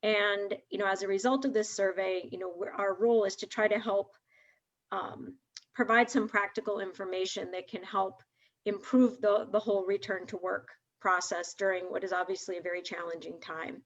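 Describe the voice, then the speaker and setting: A woman's voice: medium pitch, fairly even intonation, normal speed. Woman from Massachusetts on a dull call. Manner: clear, organized explaining. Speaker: guest, research director. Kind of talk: video call conversation.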